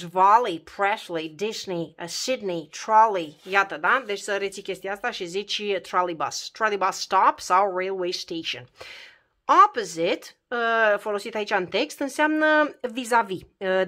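A woman's voice: medium pitch, a bit bright. Woman teacher drilling English words aloud. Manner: repeats words slowly to drill pronunciation; conversational, addresses the learner directly with questions. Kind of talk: spoken English lesson for Romanian learners.

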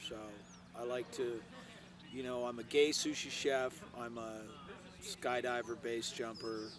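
With a crowd audible in the background, a middle-aged Hawaiian chef and restaurant owner with an American accent talks casually to camera at a measured pace, his medium-pitched voice level in tone. He's outdoors in an open yard by a covered grill deck, miked with a lapel microphone.

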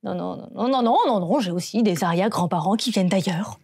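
A woman's voice: mid-range voice, quick pace, darkish tone, slightly rough. A playful woman from Brittany, bantering as a player at a tabletop game. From Brittany, France.

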